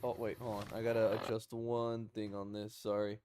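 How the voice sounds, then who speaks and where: A man's voice: on the low side, flat delivery, normal speed. Rambling male game streamer, noisy audio. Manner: rambling, self-correcting, sarcastic asides. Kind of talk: casual gameplay commentary.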